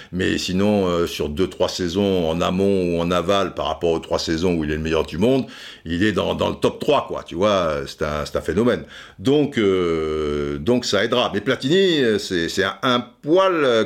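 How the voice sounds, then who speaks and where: A deep-voiced middle-aged man recounts football history in a loose, chatty way. His pitch rises and falls with lively swings, and he stumbles through repeated words and fillers as he talks straight to the listener. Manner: many stammered repeats and fillers; addresses listener familiarly. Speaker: football storyteller. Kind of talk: casual spoken storytelling.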